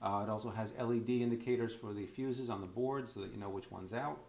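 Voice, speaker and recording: A man's voice: lowish voice, steady tone, quick pace, creaky, darkish tone, echoey room. A man casually explaining his pinball machines in an easygoing, knowledgeable way. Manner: easygoing, knowledgeable, hesitant fillers. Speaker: pinball collector. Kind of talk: casual chat.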